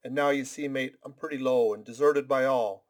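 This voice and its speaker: A man voicing a sick, desperate old sea captain who pleads and curses in rough sailor talk. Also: medium pitch, fairly even intonation, moderate pace, natural voice. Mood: pleading.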